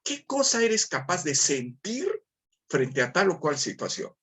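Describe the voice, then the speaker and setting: A man's voice: fairly high pitch, very animated, unhurried, pushed and bright, slightly rough, faint music behind. A man with a Peruvian Spanish accent giving a formative lecture, talking in a didactic way, repeating himself and asking rhetorical questions.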